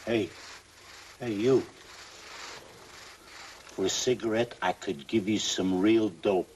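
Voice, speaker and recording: A wry jail informant in an old crime drama. He talks slowly in sly slang, fairly low. Clear noise runs behind the voice. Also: a little mellow, rough recording. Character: male jail informant, wry, cadging cigarettes.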